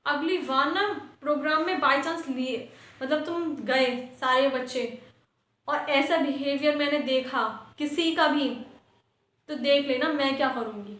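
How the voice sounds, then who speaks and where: A woman with a high voice plays a strict schoolteacher in a comic sketch. She lectures and scolds her class, and the sound rings in an echoey room. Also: measured pace, fairly bright tone. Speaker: sketch performer playing a teacher. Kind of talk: scripted comedy sketch.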